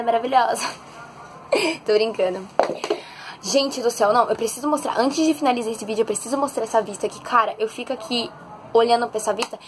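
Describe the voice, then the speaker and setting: High-pitched paulista girl vlogging her haul, chatty and excitable, faint hiss behind. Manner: chatty and excitable, animated storytelling. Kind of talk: casual haul vlog. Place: bedroom at home.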